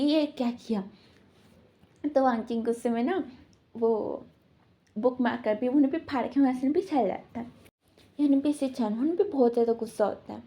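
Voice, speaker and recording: A woman narrates a story recap in a relaxed, rambling way, leaning on repeated fillers. Her voice is high but dark and mellow rather than bright.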